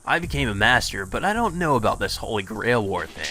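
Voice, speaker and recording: A man with a lowish, sing-song voice speaks briskly with a sharp tone while hosting a let's play. He reads the game dialogue aloud and tosses in casual, blunt commentary, with music playing underneath.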